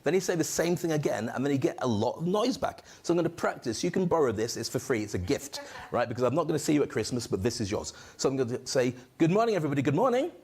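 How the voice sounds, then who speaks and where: This energetic stage presenter is a male event host and speaking coach who jokes with the audience and rouses them, handheld microphone in hand. He talks quickly with few pauses in a husky, mid-range voice.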